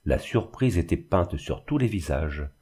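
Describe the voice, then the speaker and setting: A man reading a classic novel aloud in a steady, literary narration. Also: sits low, measured pace, husky. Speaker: audiobook narrator. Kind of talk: scripted narration.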